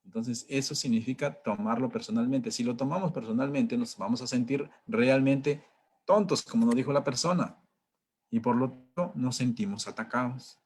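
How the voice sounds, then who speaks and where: A man giving a training talk in a conversational way, asking rhetorical questions and now and then acting out shouting drivers. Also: mid-range voice, normal speed, husky.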